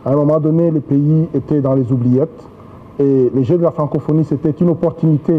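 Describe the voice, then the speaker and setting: A slightly high-voiced man explains things in a measured, step-by-step way. The sound is thin and boxy like a phone call, with faint noise underneath. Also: steady tone. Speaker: official interviewed in a news piece. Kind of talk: interview statement.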